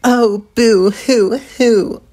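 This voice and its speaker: Imagine a sarcastic young troll girl in an audio drama, full of mockery, as a woman plays her. She drawls her words slowly at a middling pitch. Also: dark tone, breathy edge, full character voice. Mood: mocking. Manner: sarcastic, mocking.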